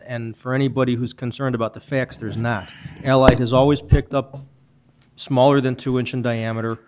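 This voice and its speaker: A man speaking as an alderman, setting the record straight in a firm, matter-of-fact way. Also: mid-range voice. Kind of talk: council debate.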